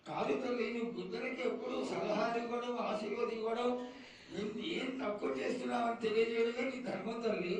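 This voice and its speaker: Casting: male devotee petitioning an oracle, very high voice, deferential pleading, heard at a distance in heavy echo. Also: fairly even intonation, fast. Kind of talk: reverent ritual petition. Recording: echoing, distant mic, faint ambient noise.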